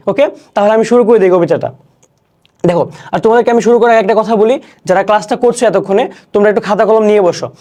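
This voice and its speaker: A young man teaching an online class, explaining each word slowly and repeating questions and answers. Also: sits high, a little mellow. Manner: recites poem lines slowly.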